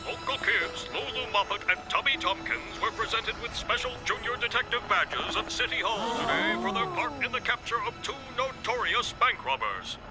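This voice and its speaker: Formal cartoon news announcer, swooping intonation, loud music underneath. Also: male voice, very high-pitched, sing-song, normal speed, hardly any pauses, poor audio. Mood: proud, formal. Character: formal male news announcer reporting local honours.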